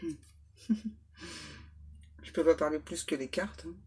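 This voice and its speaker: A woman medium giving a relaxed tarot reading to her viewers, reassuring them and tacking little asides onto her sentences. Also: deep voice, a little hiss or hum. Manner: unhurried, reassuring, full of little "hein" and "ouais" asides; reads English card names aloud. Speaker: medium doing card readings.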